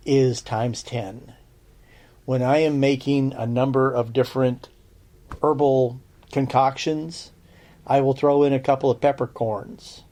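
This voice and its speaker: On a podcast, a man teaches herbal lore in a casual spoken lesson, his medium-pitched voice warm. He's chatty, checks in with listeners, and drops dry sarcastic asides.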